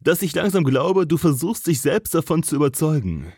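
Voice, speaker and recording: A narrator voicing a cool, smug young man in a romance audiobook, speaking low and slow. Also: sing-song, warm tone, slightly rough, dry recording, clean studio sound. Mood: murmuring.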